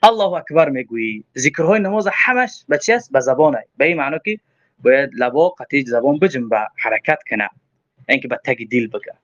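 A man with a Tajik accent explains a religious text, passage by passage, in a fairly high voice. He poses his own questions and answers them. The recording is dull and lo-fi. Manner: quotes Arabic then explains, asks himself questions. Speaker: religious teacher.

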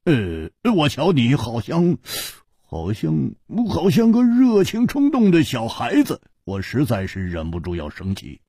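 A male storyteller voicing a boisterous, hot-tempered swordsman who talks loudly and scolds his friend. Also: mid-range voice, huge pitch swings, unhurried, breathy edge, dry recording, studio quality, pitched above the performer's own voice, full character voice. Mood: teasing. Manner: loud, blustering, scolding.

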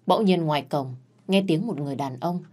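A woman narrating a scripted story in a steady, even storytelling manner. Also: deep voice, a little fast. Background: faint music.

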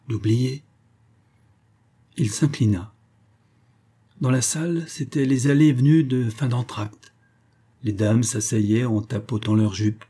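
A man reading a classic romantic story aloud in a measured, expressive way. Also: on the low side, breathy edge. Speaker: audiobook narrator. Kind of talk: scripted narration of a classic story.

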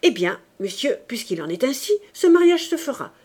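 A fierce, ambitious mother who pushes hard and flares up, as a woman narrator reads her. Her voice climbs high and loud yet stays mellow in tone. She sounds ready for anything. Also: lively intonation, a little slow. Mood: furious. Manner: sharp, forceful outbursts. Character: fierce, ambitious bourgeois mother, furious and determined.

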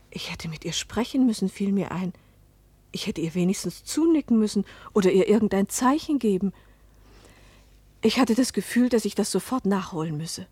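In a German radio play, an actress narrates and speaks as a bewildered, introspective 41-year-old woman, her delivery hushed, breathy and searching. The mood is resolved and lighter, and her medium-pitched voice sounds natural with no echo.

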